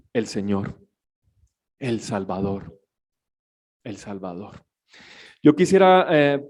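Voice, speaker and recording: A man preaching a sermon as pastor, swinging between hushed, emotional passages and shouted pleas. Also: fairly high pitch. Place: church.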